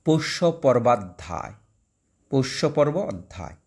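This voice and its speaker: A man teaching a recorded Sanskrit class, breaking words into syllables and pronouncing them slowly. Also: medium pitch, expressive, darkish tone, breathy edge. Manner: slow, syllable-by-syllable pronunciation drills.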